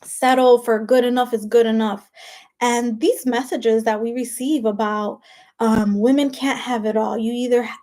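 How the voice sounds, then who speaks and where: Speaking as a life coach, this Spanish-accented woman delivers a casual, preachy pep talk, leaning hard on "like" and "right?" in a chatty, emphatic style. Her voice sits a little high and sounds mellow.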